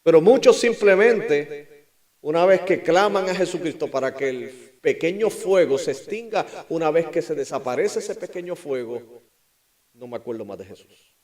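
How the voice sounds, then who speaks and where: Impassioned preaching man, swinging loud to hushed. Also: fairly high pitch, expressive, moderate pace, crowd noise. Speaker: pastor. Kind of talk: sermon.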